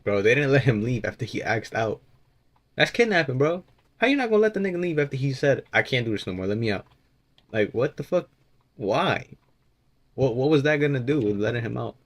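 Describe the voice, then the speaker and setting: A man's voice: medium pitch, lively intonation, brisk. A man reacting to a clip with blunt, profane, incredulous commentary. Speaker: reaction video host.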